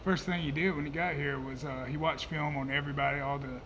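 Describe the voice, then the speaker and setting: A young man in his twenties speaks at a press table mic with a flat, level delivery and few rises in pitch. He talks in a laid-back, plain way, full of filler words. Steady background noise sits under the voice. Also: fast talker. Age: 20s. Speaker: college football player. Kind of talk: post-game press conference answers. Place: press conference room, indoors. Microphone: table microphone.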